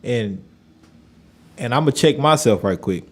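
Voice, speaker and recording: A man's voice: mid-range voice, expressive, a little slow. A man interviewing in a reflective, colloquial way, repeating his phrases and often voicing agreement. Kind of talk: conversational interview.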